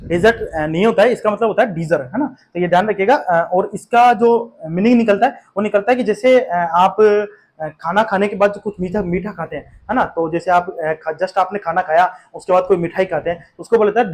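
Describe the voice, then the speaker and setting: A man's voice: high-pitched, brisk, darkish tone. A man teaching English vocabulary for an exam, explaining in a patient, repetitive way with frequent fillers and check-in questions, and an Indian English accent. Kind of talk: exam-prep vocabulary lesson.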